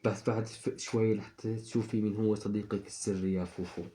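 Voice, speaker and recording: A man playing a soft-spoken secret friend, whispered role-play. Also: lowish voice, level tone, lightly acted. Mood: soothing. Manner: soft, slow, soothing. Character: gentle mysterious male secret friend, helpful.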